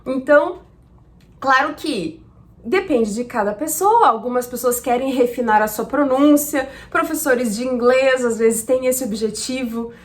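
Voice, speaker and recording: A woman's voice: sits high, a little slow. A woman from Brazil teaching pronunciation, patiently spelling out sounds one at a time. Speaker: English teacher. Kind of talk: explanatory lesson.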